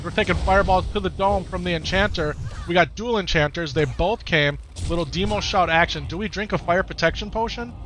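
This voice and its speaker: A Wisconsin man with an Upper Midwest American accent chats casually with his viewers over gameplay during a live game stream, often repeating himself. His voice sits on the high side, and there's noise in the background.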